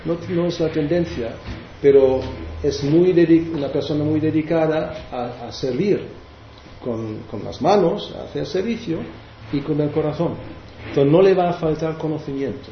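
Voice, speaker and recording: A man's voice: fairly high pitch, normal speed, slight background noise. Man teaching scripture in a roomy hall. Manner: hesitant, many restarts, explaining verses. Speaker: spiritual teacher. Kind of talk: devotional class with questions. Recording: roomy, dull recording.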